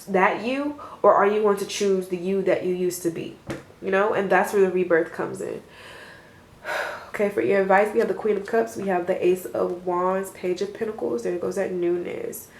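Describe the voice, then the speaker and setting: A woman's voice: mid-range voice, a little mellow, a little hiss or hum. A woman doing a casual tarot reading for her viewers, rambling and reassuring, with frequent fillers and small laughs. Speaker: tarot reader. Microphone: camera mic. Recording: roomy echo.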